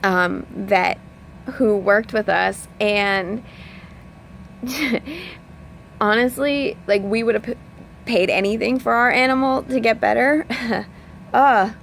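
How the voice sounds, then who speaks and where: A personal development coach talks slowly in a fairly bright, creaky voice on the high side, keeping a steady tone and pausing often over slight background noise. Her casual, heartfelt vlog talk is earnest and rambling, full of "like" and "you know," as she opens up about her feelings.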